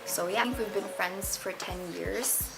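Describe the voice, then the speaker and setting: A twenty-year-old Filipino woman, who moved to the United States at eleven, introduces herself as a vlogger in a casual, candid get-to-know-me chat. Her mid-range voice has vocal fry and a moderate pace. The audio is poor, with music playing behind her.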